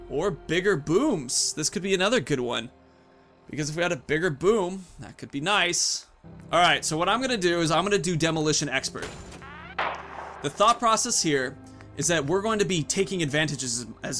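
A man in his thirties with a slightly high, somewhat bright voice hosts a gaming video. He gives casual let's play commentary, thinking aloud as he explains his choices, with game music playing behind him.

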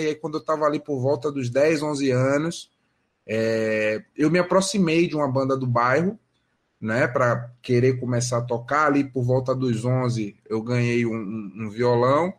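A man as a guest on a podcast. He tells his story in an easygoing, meandering way, leaning on fillers and little tag questions. His voice sits in an ordinary middle pitch for a man. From Salvador, Bahia, Brazil. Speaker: guest, musician and music educator. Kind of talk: casual podcast interview answer.

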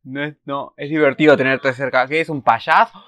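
A man's voice: medium pitch, fairly even intonation, moderate pace, a bit bright, no room sound. A man in his twenties with an Argentine accent gives casual reaction commentary, reading subtitles aloud and exclaiming in between. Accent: Argentine Spanish. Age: 20s. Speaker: reaction video host.

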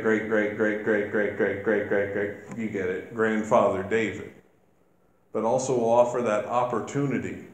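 A male minister preaches at an unhurried, measured pace. His voice rings through a very echoey church sanctuary, and it lifts with emphasis when he quotes scripture. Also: mid-range voice. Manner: slow, deliberate preaching with emphatic rises when quoting scripture. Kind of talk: sermon.

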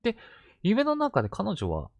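A man narrates true ghost stories in a hushed, suspenseful way. His pitch swings widely as he builds dread. The sound is dry and close, with no room around it. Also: huge pitch swings, normal speed, vocal fry, no echo. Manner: hushed, suspenseful storytelling with sudden vivid quotes.

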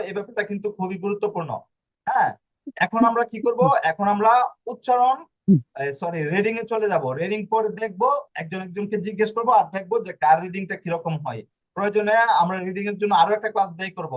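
A man's voice: high-pitched, dull audio. A man teaching a language class online, explaining step by step and asking himself questions as he goes. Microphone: video call.

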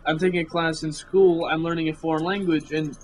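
A man's voice: on the high side, little pitch movement, fairly quick, poor audio. A teenage boy from Tennessee, chatting casually on a podcast, joking and teasing with stammering restarts. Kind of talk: casual chat.

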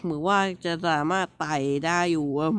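A man's voice: fairly high pitch, fairly even intonation, moderate pace, no echo. A man giving casual let's-play commentary on a platform game, playful, teasing and scolding the game characters with frequent little exclamations.

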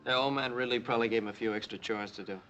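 An actor playing a loyal, concerned young cowboy in a TV western, direct and reassuring. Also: male voice, mid-range voice, fairly even intonation, very fast, lo-fi sound, natural voice. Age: 20s. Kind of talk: TV western drama acting.

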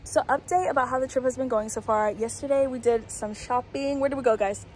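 A woman's voice: high-pitched, brisk, a little mellow, slight background noise. A woman vlogging her travels in a chatty, upbeat way, talking to her viewers on a phone camera outdoors. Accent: Haitian-American. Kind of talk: casual travel vlog.

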